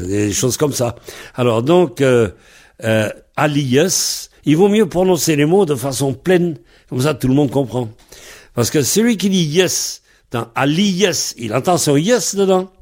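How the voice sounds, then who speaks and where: A man leads a language lesson at a slow, unhurried pace. He explains patiently, step by step, and stops to spell out letters. His pitch sits in an ordinary middle range. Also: a little mellow. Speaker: language teacher.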